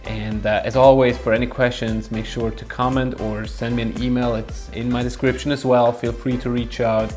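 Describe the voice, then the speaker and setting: Young guy from switzerland vlogging, kinda hesitant, laughs a lot, soft music way in the back. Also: medium pitch, little pitch movement, moderate pace, few pauses. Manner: thoughtful, hesitant, chuckles often. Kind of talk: casual chat to camera.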